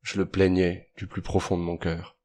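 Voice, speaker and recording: A man narrating a classic story as an audiobook in a measured, even manner. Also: low voice.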